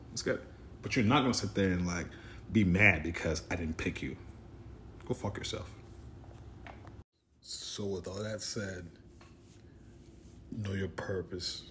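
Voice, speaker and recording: Man, late thirties, podcast host, profane rant, blunt and aggressive, lowish voice, faint background hum. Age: 30s. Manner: blunt, aggressive, swears constantly.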